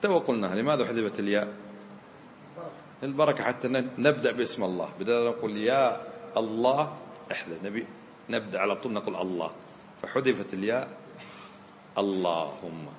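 A man's voice: lowish voice, a little fast, long pauses, slight background noise. A man teaching a grammar lesson, questioning his students and mixing dialect into his explanations. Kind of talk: classroom lesson. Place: lecture room with students. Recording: roomy echo.

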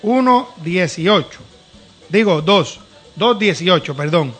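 Bright high-voiced preacher man. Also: expressive, breathy edge, faint music behind. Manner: reads scripture slowly and emphatically, interjects praise. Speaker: preacher and program host. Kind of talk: preaching and Bible reading in a panel chat.

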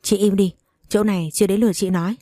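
A woman reading the part of an older mother-in-law who talks slowly and soothingly but snaps at her daughter-in-law. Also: medium pitch, steady tone, mellow, no echo, studio quality, close to an everyday voice. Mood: scolding. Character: older mother-in-law, doting yet harsh.

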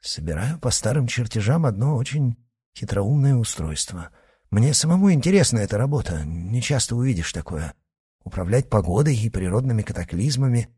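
A frantic middle-aged father pleads and scolds in a lively, up-and-down voice, as a man acts him out. His tone is raspy at the edges and strained with worry. It is an audiobook figure with a short temper. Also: medium pitch, brisk. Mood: worried. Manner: agitated, pleading, bursts into shouting.

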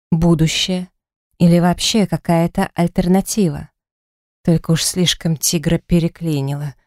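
Woman reading an audiobook, lowish mellow voice, dramatic first-person telling, dry studio mic. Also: no echo. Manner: expressive, dramatic storytelling. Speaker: audiobook narrator. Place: recording studio.

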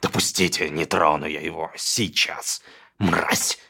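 A man's voice: a bass voice, fairly even intonation, a little slow, gravelly, bright, forceful tone, slightly rough, pitched below the performer's own voice, full character voice. A man voicing a burly, contemptuous man who growls his words. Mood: growling.

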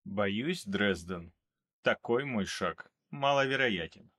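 A man reading an audiobook, voicing a cold, calm male mercenary who speaks in a flat, unhurried way. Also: lowish voice, voice pushed down. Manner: flat, even, unhurried delivery.

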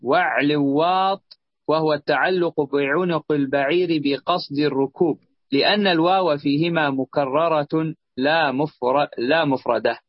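A male student reading a grammar text aloud with steady delivery and small slips. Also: on the high side, measured pace, no room sound. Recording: dull lo-fi recording.

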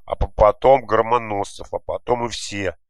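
A man voicing a frightened boy who stammers and pleads, raised above his own low voice. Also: fairly even intonation, moderate pace, smooth, no echo, close to an everyday voice. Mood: pleading.

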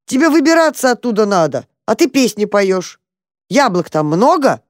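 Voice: medium pitch, normal speed, no room sound, clean studio sound, voice pushed up, natural voice. A storyteller voicing an eager, bossy young male mouse who coaxes his little brother along. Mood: scolding. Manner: coaxing, excitable. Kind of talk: storybook character voice.

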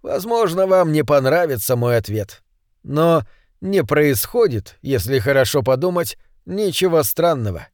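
A man voicing a calm, reflective man who speaks in a measured, gently ironic way. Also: fairly high pitch, dry recording, studio quality.

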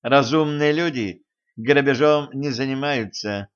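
A brash young woman who fires back quick, sarcastic retorts, as a man raises his voice to play her. The recording sounds slightly muffled, like a home-made audiobook. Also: medium pitch, clean tone, voice pushed up, natural voice. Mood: snappy. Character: sharp-tongued bold young woman.

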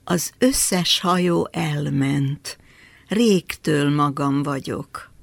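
Slow poem reading on the radio, a bit of vocal fry, dry close sound. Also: mid-range voice, no echo. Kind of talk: poetry recitation on radio. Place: radio studio.

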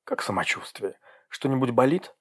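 A man doing a calm, soothing woman doctor. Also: mid-range voice, normal speed, no room sound, studio quality, lightly acted. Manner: soothing, reassuring. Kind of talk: audiobook character reading.

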